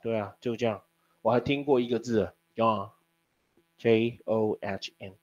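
A man's voice: on the low side, steady tone, slow. A man teaching an English class, teasing his students and spelling words out letter by letter. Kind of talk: classroom lesson. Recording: dull lo-fi classroom recording.

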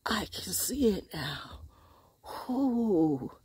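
A woman's voice: medium pitch, very animated, drawn-out words, darkish tone, husky, dry recording. A woman in her sixties giving a sassy, profane vlog monologue outdoors in the woods, speaking into a phone held close at arm's length, with whispered asides. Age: 60s. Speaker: vlogger. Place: outdoors on a wooden deck in woods.

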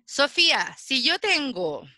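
Patient woman English teacher with a higher, crisp voice and a slow, checking delivery. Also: sing-song, sharp tone, no echo. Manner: slow, patient explaining with frequent checking questions. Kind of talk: online class lesson.

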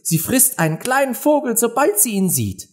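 A man doing a high, eager little girl. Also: wildly swooping pitch, normal speed, a little mellow. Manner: high, eager and wide-eyed. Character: curious polite little girl. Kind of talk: audiobook character voice.

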